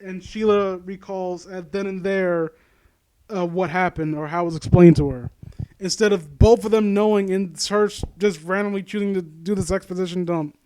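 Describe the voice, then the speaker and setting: The host of a story critique series reads and critiques a story in a blunt, laid-back manner, stammering, reworking his sentences, and swearing some. His high voice is steady, a little mellow and clean, at a moderate pace. The recording is dry and rough, music plays behind him, and his new handheld mic at uneven distance lets his voice drift soft.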